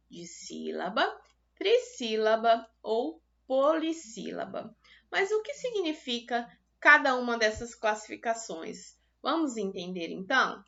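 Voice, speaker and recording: A woman teacher with a Brazilian Portuguese accent giving a recorded lesson to children, slowly stretching out the syllables of example words. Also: fairly high pitch, vocal fry, sharp tone, muffled recording.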